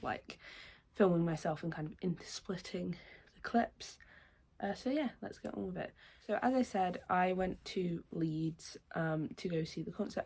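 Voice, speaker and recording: A young woman, vlogging in casual chat, her voice slightly croaky and nasal from a cold, rambling with many restarts. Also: lowish voice, a little mellow. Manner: rambling, with many fillers and self-corrections. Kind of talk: casual chatty vlog talk.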